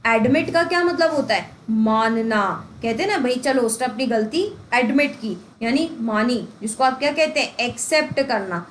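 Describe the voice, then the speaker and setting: Woman tutor, high pitch, exam-prep lesson full of rhetorical questions; roomy recording. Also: normal speed, hardly any pauses, slight background noise. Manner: explains with rhetorical questions and folksy examples. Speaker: English teacher. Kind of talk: exam-prep lesson in Hindi-English mix. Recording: echoey room, faint ambience.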